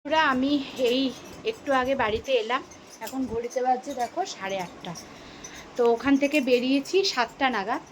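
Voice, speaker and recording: A woman's voice: high-pitched, normal speed, slight background noise. A middle-aged woman, talking to her viewers in a casual daily vlog, chatty and full of fillers. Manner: chatty, addresses viewers as friends, frequent fillers. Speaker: vlogger.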